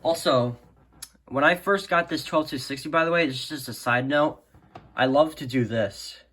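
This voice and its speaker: A man with a slightly high voice and moderate pace demos a product casually, with no script, for his hobby videos. He tends to ramble and hesitate, often winding down into "so yeah." The amateur home recording is clearly noisy.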